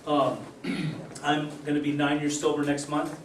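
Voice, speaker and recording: A middle-aged man born in Germany and raised in Utah, giving an earnest personal recovery testimony with many fillers and pauses. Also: fairly high pitch, completely flat delivery, slight background noise. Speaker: recovery speaker. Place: event hall. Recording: echoey hall, distant mic.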